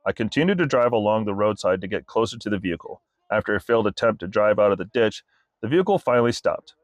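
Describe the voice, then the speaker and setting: A man, a state trooper, reading his incident report aloud in a flat, formal, methodical way. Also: fairly low pitch, fast, no room sound.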